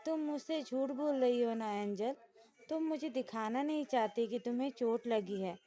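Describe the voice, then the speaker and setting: A woman voicing a childlike young man in a storybook who frets and repeats himself, with her own slightly high voice. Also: fairly even intonation, a little slow, darkish tone, lightly acted. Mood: sulky. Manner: fussy, pleading, repeats himself.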